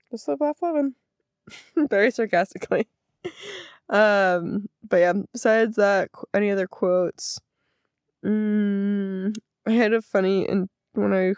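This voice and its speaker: A young woman talks casually into a podcast mic, rambling and correcting herself as she goes. Her voice is smooth, with a gravelly edge at the ends of her phrases. The sound is dry and close, with no room around it. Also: lowish voice, no room sound. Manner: chatty, rambling, self-correcting with laughs. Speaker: podcast host. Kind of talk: casual solo podcast chat.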